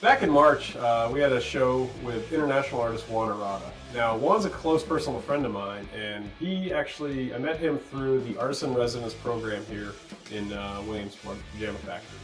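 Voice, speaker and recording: Chatty gallery owner, echoey room. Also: male voice, medium pitch, brisk. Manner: relaxed, rambling, many fillers. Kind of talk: documentary interview, casual storytelling. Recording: echoey room, mic at a distance, soft music behind.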